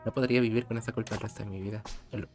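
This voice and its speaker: A man's voice: on the low side, steady tone, very fast, lightly acted. A man reading the lines of a stubborn young male journalist, earnest and determined. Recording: game music behind the voice.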